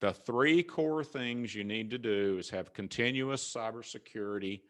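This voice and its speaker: A man with a Southern US accent, hosting a casual webinar in a relaxed, chatty way with fillers and restarts. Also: on the low side, moderate pace. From Southern United States. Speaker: webinar host.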